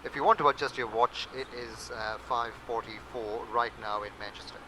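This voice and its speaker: Airline captain's cabin announcement, cockpit noise. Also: male voice, mid-range voice, fairly even intonation, normal speed. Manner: formal scripted announcement delivery. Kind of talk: cabin announcement to passengers over the PA. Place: airliner flight deck. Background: loud cockpit engine and radio noise.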